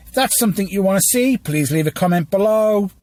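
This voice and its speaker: A man's voice: high voice, lively intonation, fairly quick, a little mellow, no room sound. A man hosting a news commentary podcast, reading from a script in a stilted, teleprompter-like way with small stumbles. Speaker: podcast host.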